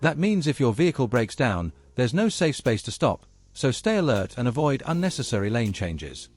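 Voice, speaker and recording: A man presenting a driving lesson in a scripted, instructional narration, explaining each point in a measured way and addressing learners directly. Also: mid-range voice, darkish tone.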